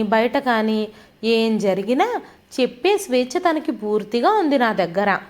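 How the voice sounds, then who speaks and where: A woman narrating a scripted audiobook story in the first person, in a gentle, emotive telling style. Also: a little high.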